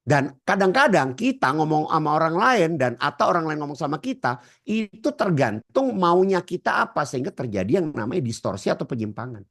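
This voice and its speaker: A man's voice: fairly high pitch, very animated, brisk. A man teaching a hypnotherapy class, often addressing his listeners directly and asking rhetorical questions he then answers himself. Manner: addresses the audience often as ladies and gentlemen. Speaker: hypnotherapy trainer. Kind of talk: lecture to a class.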